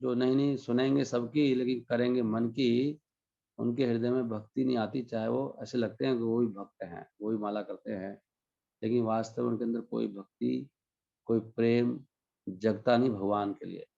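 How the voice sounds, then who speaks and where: Gravelly-voiced man giving a devotional talk. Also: mid-range voice, steady tone, warm tone, lo-fi sound. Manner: explains scripture verse by verse, chanting Sanskrit lines slowly. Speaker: spiritual teacher. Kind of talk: devotional discourse.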